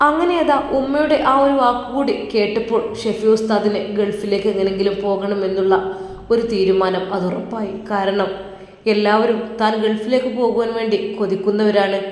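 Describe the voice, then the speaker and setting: A woman with a Malabar Malayalam accent, narrating a religious story in an expressive, emotive way. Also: mid-range voice, normal speed. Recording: very echoey room with long reverb.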